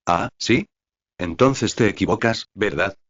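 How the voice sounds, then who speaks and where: A nervous, stout older professor, read by a man answers defensively and with irritation. The voice sits very low. The audio sounds dull and lo-fi. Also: animated, a little slow, fairly bright tone.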